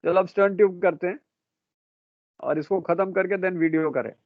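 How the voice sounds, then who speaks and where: A middle-aged man runs a classroom lecture with a high-pitched voice. He fires questions at his students and calls them beta and bhai. The sound is dry and tinny, like a phone line. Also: steady tone, normal speed, no echo. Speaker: marine engineering teacher.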